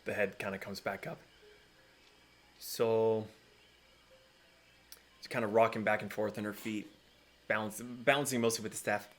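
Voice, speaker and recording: A man's voice: lowish voice, flat delivery, unhurried, long pauses. A man narrating a tabletop game as game master in a casual, descriptive way.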